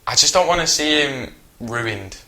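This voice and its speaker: A man's voice: mid-range voice, animated, measured pace, bright, forceful tone. A man co-hosting a casual football chat, joking and teasing his co-host as he talks transfers.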